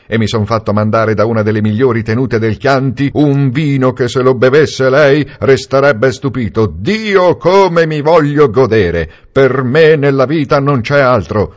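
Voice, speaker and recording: A man doing a loud, boastful bookseller. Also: mid-range voice, pitched above the performer's own voice, close to an everyday voice. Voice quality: strong robust voice. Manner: mock-serious, gleefully defiant. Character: loud boastful middle-aged bookseller, mocking. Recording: dull lo-fi recording.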